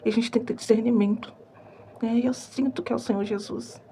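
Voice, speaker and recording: A woman's voice: on the high side, steady tone, a little fast, dark tone, a little hiss or hum. A young Brazilian woman telling an earnest, emotional religious testimony at home at night, half-whispering so as not to wake her family. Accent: Brazilian Portuguese. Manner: earnest, emotional, repeats phrases for emphasis. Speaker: vlogger. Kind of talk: hushed late-night testimony vlog.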